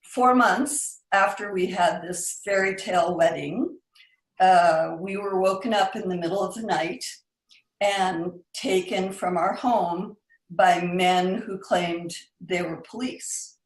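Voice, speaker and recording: A woman in her sixties from Brazil, calmly telling her own life story as a guest speaker. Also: lowish voice, slow. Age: 60s. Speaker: guest speaker in a recorded video. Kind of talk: personal testimony. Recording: roomy echo.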